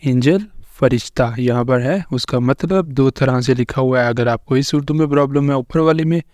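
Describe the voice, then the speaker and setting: A man's voice: mid-range voice, moderate pace, darkish tone, no echo, clean studio sound. A man teaching English vocabulary, saying each word and its meaning twice. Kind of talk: slow instructional narration over slides.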